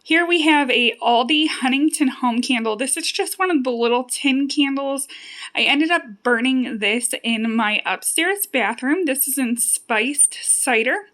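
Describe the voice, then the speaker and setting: Higher-pitched woman, chatty review vlogger. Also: a little slow, fairly bright tone. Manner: chatty, conversational. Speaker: YouTube host reviewing home fragrance products. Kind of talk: casual product review vlog.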